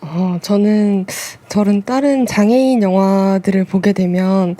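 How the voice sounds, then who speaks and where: Mellow-voiced earnest woman director. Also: medium pitch, unhurried. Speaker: film director, guest. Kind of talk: interview answers.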